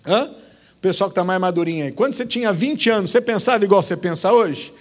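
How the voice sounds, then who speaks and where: A man's voice: high voice, fast talker. A man preaching a sermon, exhorting his listeners with rhetorical questions and calling them brother.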